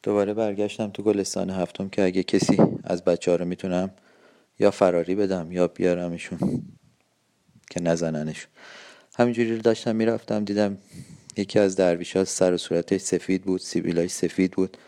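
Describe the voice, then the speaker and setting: A man's voice: sits low, fairly even intonation, warm tone. A man giving a personal eyewitness account, telling it vividly with tense quoted dialogue.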